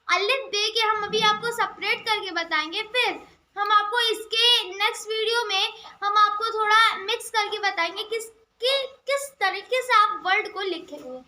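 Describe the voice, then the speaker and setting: A woman teaching the Urdu script, who asks questions and answers them herself, repeats key sounds slowly and mixes English words into her Hindi. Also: extremely high pitch, bright, forceful tone, roomy sound. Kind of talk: spoken tutorial explaining Urdu script.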